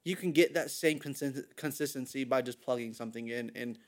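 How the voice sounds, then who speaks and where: A man's voice: mid-range voice, a little fast. A man co-hosting a podcast, telling anecdotes in an enthusiastic, casual way. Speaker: podcast co-host. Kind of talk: casual chat.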